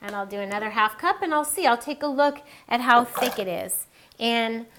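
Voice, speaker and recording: A woman's voice: fairly high pitch, lively intonation, moderate pace, noisy background. A woman hosting a cooking demonstration, chatting and explaining each step as she works. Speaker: cooking show host. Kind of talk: casual recipe demonstration.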